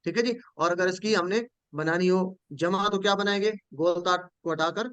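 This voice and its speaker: A man's voice: high voice, moderate pace, fairly bright tone, smooth, no room sound. A man teaching a Quranic Arabic lesson, patiently repeating each word and quizzing his students.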